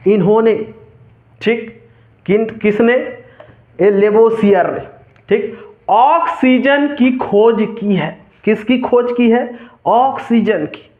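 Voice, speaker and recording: A male teacher with a Chhattisgarhi accent giving an exam-prep chemistry lesson, asking questions and repeating the answers. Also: extremely high pitch. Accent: Chhattisgarhi Hindi. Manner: call-and-response quizzing, repeats key answers. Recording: tinny, echoey lo-fi room audio.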